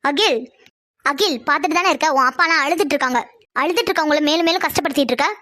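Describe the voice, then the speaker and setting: A woman voicing the wife and mother in an animated family drama, speaking in a pleading, soothing way. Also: high voice, rapid-fire. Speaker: cartoon voice artist voicing the women of the family.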